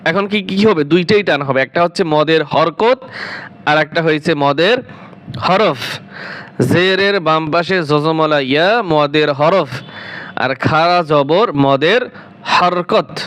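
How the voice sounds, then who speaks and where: Guy teaching quran reading, spells out letters super slow, smooth clear voice, asks himself questions then answers. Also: a little high, fairly bright tone. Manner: drawls syllables slowly, then explains briskly. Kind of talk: slow spelled-out recitation lesson.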